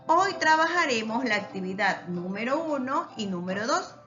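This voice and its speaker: Slow, lively-voiced woman teaching a lesson. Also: fairly high pitch, dull audio. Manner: slow, emphatic, asks rhetorical questions and answers them. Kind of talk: recorded online lesson.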